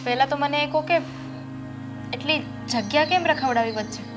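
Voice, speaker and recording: A high-voiced young sister-in-law with a Gujarati accent, gently teasing and coaxing, as an actress plays her. She speaks in a soft, placating way. Clear film music plays beneath her. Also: moderate pace, natural voice. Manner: coaxing and soothing. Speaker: husband's sister in a family drama. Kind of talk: Gujarati family drama acting.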